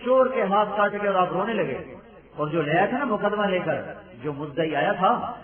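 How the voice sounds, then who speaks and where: A man's voice: high-pitched, lively intonation. Man preaching an impassioned sermon, echoey and far. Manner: emotional, pleading, with rhetorical questions and Arabic recitation. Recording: echoey, distant, phone-like lo-fi sound.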